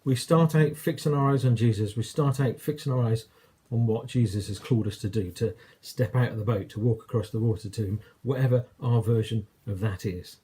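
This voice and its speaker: A man's voice: mid-range voice, brisk, few pauses, warm tone, slightly rough. A man with an English accent preaching a sermon, telling a story in a conversational way and acting out quoted lines.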